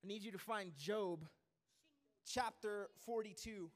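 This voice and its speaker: A man with a high voice preaching a sermon to his congregation. He keeps it lively and joking, wandering off with fillers and restarts before he gets back on track. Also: measured pace.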